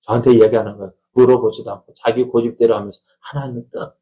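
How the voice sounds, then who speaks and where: A man's voice: mid-range voice, level tone, very fast, warm tone, low-quality recording. A middle-aged man, a pastor, preaching a conversational Sunday sermon in a church, asking the congregation questions and acting out family quarrels. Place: church sanctuary.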